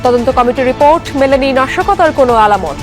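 A woman anchor with a fairly high voice gives a formal, measured news read. Faint music plays under her. Each sentence is delivered cleanly in a scripted bulletin manner. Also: expressive.

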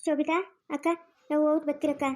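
A woman's voice: sits high, completely flat delivery, rapid-fire, a little mellow. A woman playing an emotional mother in a home family drama. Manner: emotional, pleading then scolding.

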